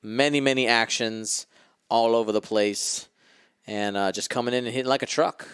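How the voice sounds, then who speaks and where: Co-hosting a live stream of a tabletop miniatures game, a man chats through his commentary and jokes around playfully with viewers. His mid-range voice is a bit bright and clean, with a steady tone and normal speed. He's recorded on a close, dry mic with no room sound and faint music behind.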